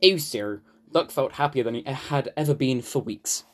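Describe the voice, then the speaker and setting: A man from the United Kingdom narrating a children's storybook in an animated, expressive way. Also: mid-range voice, moderate pace. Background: background music.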